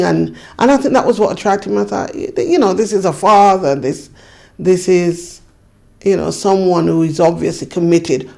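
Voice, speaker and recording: A woman in her fifties speaks in an interview with a gravelly, fry-tinged voice. She reminisces thoughtfully and earnestly, circling back on her phrases with a steady "you know". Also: lowish voice. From Jamaica. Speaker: community activist. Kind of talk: reflective interview recollection.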